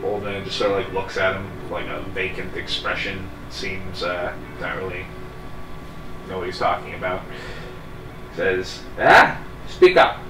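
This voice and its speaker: A man working as game master, improvising casual, halting narration for a tabletop game. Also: sits low, completely flat delivery, noisy background. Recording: roomy, distant mic, music underneath.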